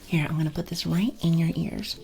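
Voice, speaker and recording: Low, creaky ASMR woman, right in your ear. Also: fairly even intonation, brisk. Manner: soft close-up talk right in the listener's ear, often slipping into whispers; playful, gently silly. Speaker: ASMR live streamer. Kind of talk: ASMR, casual chat with stream viewers. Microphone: close ASMR microphone. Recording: clear background noise and clicks.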